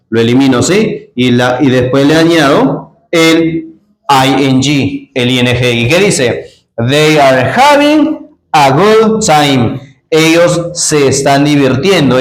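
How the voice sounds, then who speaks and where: A man teaching English grammar, explaining in Spanish and asking his students questions. He spells out endings letter by letter. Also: on the high side. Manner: explains in Spanish, asks the class many questions. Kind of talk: classroom-style grammar lesson. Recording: echoey room.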